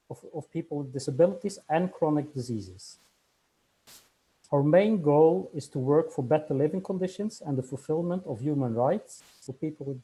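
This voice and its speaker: A man's voice: a little high, mellow, breathy edge, low-quality recording. A man, a senior advisor introducing himself and his organization at an online meeting. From Norway.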